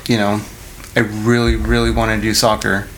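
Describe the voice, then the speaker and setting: A man chatting on a podcast in a halting way, with many fillers and pauses. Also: fairly low pitch, little pitch movement, a bit bright, slight background noise. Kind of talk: casual chat.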